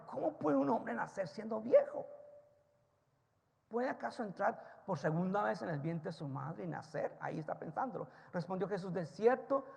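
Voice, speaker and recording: A male pastor preaching a sermon, firing rhetorical questions at the congregation and swinging between loud, emphatic rises and soft, low asides. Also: creaky. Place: church sanctuary. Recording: long church-hall reverb.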